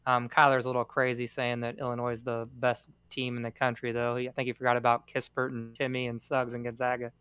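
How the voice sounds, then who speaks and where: A man's voice: mid-range voice, completely flat delivery, brisk, hardly any pauses, fairly bright tone, clear, resonant tone, no echo. A man co-hosting a casual sports podcast who teases his co-hosts over their picks. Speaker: podcast co-host. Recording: dry, dull lo-fi mic.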